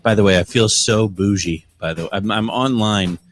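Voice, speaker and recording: A man's voice: lowish voice, normal speed, faint music behind. A man hosting a podcast in a rambling, self-deprecating, casual live-stream style. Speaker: podcast host.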